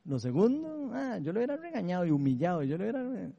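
A man's voice: high-pitched, big pitch swings, quick pace, creaky, mellow, big-room sound, lo-fi sound. A man with a Costa Rican accent preaching a sermon testimony, telling a story and often asking the listeners for agreement.

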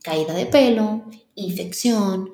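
A woman's voice: mid-range voice, takes it slowly, dark tone. A woman in her thirties, a wedding planner, candidly telling a personal story as an interview guest, earnest and confiding, often restarting her sentences. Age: 30s. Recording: roomy echo.

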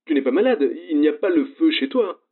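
Guy playing a nervous older lady friend, phone-filtered and tinny, hesitant, bit higher. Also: big pitch swings, a little fast, slightly rough. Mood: fretful. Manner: fretful, hesitant.

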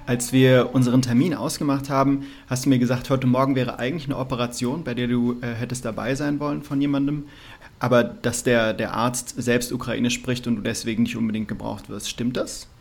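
Gravelly-voiced male podcast host. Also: medium pitch, flat delivery, fairly quick. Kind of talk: scripted intro then interview.

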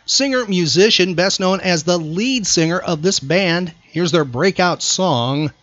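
Teasing and emphatic with his contestant, this man hosts a casual trivia quiz as a podcast quizmaster. He speaks a little slowly in a high, fairly bright voice, captured in a close, dry, slightly dull recording.

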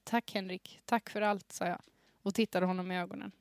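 This podcast host, a young adult woman, works through a story she wrote as a teen, trying not to giggle while reading it aloud. Her mid-range voice has fairly even intonation. The sound is dry and studio-clean, recorded on a studio mic with headphones.

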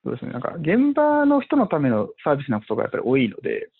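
Guy investor talking fast and lively, bit husky, sounds like over a phone line. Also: a little high. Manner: animated, many fillers, acts out quotes. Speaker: venture investor. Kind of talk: casual podcast conversation. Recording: tinny phone-like audio.

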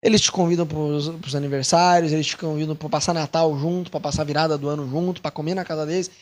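A Brazilian man with a Brazilian Portuguese accent, a missionary talking casually to the camera, animated and repeating words for emphasis. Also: a little high, fast talker.

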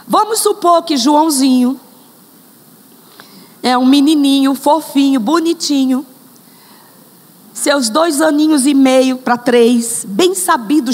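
A woman's voice: high-pitched, in a large hall. A woman preaching a sermon, speaking straight to the congregation and acting out examples. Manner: addresses the congregation directly, acts out examples.

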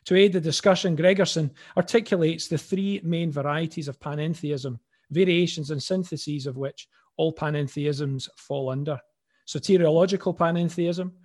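A Scottish man with a clear Glaswegian accent presents as an academic speaker. His voice sits a little higher than most men's, in the manner of someone delivering a paper to colleagues. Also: a little mellow. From Scotland. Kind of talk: reading an academic paper, with informal opening remarks.

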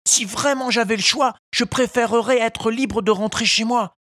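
A man's voice: steady tone, normal speed, a bit bright, no echo, clean studio sound. A man voicing a small wooden puppet boy who sounds anxious and indignant. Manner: high, pleading, indignant.

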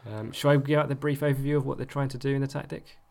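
A man's voice: mid-range voice, fairly even intonation, fast talker, gravelly, a little mellow. A man co-hosting a podcast, talking casually with lots of ums and easy laughs. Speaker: podcast co-host. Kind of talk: casual chat.

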